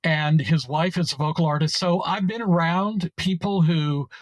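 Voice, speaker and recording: A man's voice: a little high, moderate pace, dry recording. A middle-aged man hosting a podcast, talking earnestly and rambling a bit, often adding "right?". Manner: rambling, earnest, tag questions. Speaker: podcast host. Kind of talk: casual interview.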